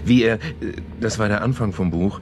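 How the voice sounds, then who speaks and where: An actor voices a man recounting a novel to a doubtful woman in a radio play, speaking in a natural, fairly low voice. Earnest and patient, he stops and starts and hedges his words, keeping it conversational. The recording carries some noise.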